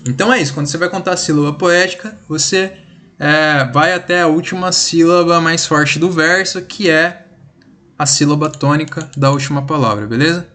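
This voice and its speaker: Casting: Brazilian male teacher, voice on the high side, relaxed slangy delivery. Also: normal speed. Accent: Brazilian Portuguese. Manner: informal, slangy, checks in with "beleza?" constantly. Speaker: literature teacher. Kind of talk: casual online class.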